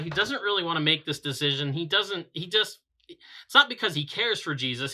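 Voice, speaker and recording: A man reading scripture aloud and talking through it in a relaxed, conversational way, often restarting and correcting himself. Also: a little high. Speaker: campus minister. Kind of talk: informal Bible reading and commentary.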